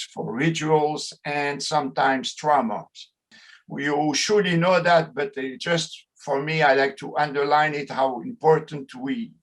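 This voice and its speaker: Over a video call, a middle-aged French-accented sociologist delivers an online lecture. His voice is slightly high and slow, halting with many fillers and restarts as he hunts for English words. The recording quality is low.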